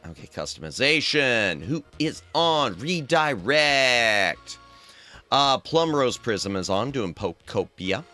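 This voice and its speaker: Tired and pushing his throat, a man chats on his livestream in a loose, playful, meandering way, humming now and then. He speaks slowly in a mid-range, sing-song voice that is bright and forceful, over faint background music.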